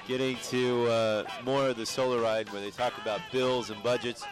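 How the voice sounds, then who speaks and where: A man's voice: medium pitch, little pitch movement, moderate pace, over music. A man hosting community radio, talking in a loose, rambling way with fillers. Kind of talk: casual radio chat.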